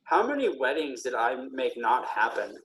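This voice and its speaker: A man who is feeling ill, a military veteran speaking earnestly and haltingly with many pauses in a casual podcast conversation. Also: mid-range voice, very animated, fairly bright tone, poor audio.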